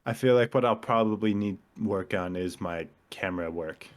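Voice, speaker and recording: A man's voice: on the low side, normal speed. A man co-hosting a casual podcast chat, explaining his views on films at length in an analytical way. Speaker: podcast co-host.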